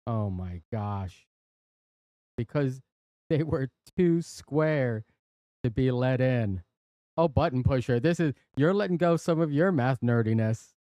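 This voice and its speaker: A male stream host chats at an unhurried pace in a warm, mellow voice, playful and jokey as he reads out viewer jokes. The sound is dry and close, with no room echo. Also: medium pitch, lively intonation. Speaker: livestream host. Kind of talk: casual chat on a live stream. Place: workshop and studio.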